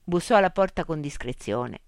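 A woman narrating a story in a measured, expressive reading. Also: low voice, no room sound. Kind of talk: audiobook narration.

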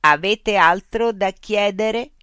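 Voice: medium pitch, slow, sharp tone, clean tone, dry recording, clean studio sound, voice pushed up. A narrator voicing a cold bureaucratic machine information unit that recites rules in a rigid, officious way. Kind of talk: audiobook character voice.

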